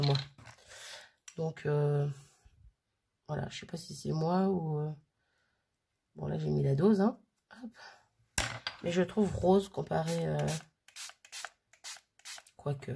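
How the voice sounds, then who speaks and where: Woman, low and gravelly, casual craft vlogger talking while she works, faint hiss behind. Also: warm tone. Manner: chatty, filler-heavy, frequent "hop" while working. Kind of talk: casual hands-on demonstration.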